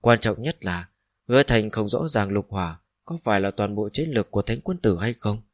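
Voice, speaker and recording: A man narrating a fantasy novel as a steady, even audiobook reading. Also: lowish voice, normal speed, no room sound, clean studio sound.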